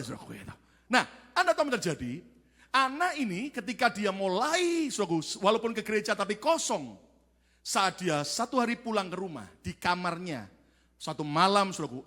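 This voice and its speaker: A male pastor preaching in a high, very animated voice, telling a story with drama and turning to the congregation again and again. His voice rings through a large church hall with a long reverb. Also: brisk. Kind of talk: sermon.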